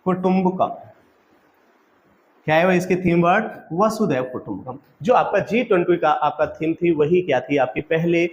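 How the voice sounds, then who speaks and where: A man's voice: fairly high pitch, highs cut off, slight background noise. A male exam-prep teacher giving a quiz-style lecture. He asks each question, gives the answer, then asks again so the students repeat it, and keeps calling the audience friends.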